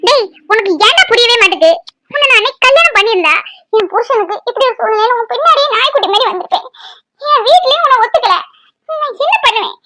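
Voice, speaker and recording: A woman's voice: very high voice, animated, fast, sharp tone, a little hiss or hum, exaggerated voice. A woman voicing a young woman in a cartoon who pleads and defends herself to a former lover. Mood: pleading. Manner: pleading, exasperated.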